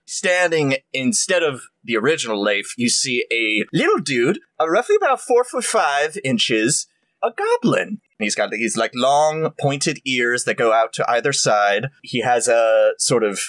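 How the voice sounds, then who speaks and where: A man's voice: mid-range voice, sing-song, measured pace, fairly bright tone, no echo. A man describing his character in a tabletop game, rambling with lots of fillers. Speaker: player.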